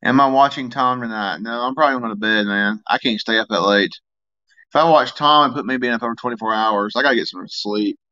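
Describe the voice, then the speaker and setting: Medium-pitched and fairly quick, this man's voice comes through a muffled recording. He's worn out and yawning, loosely rambling on a live stream as he reads and replies to chat.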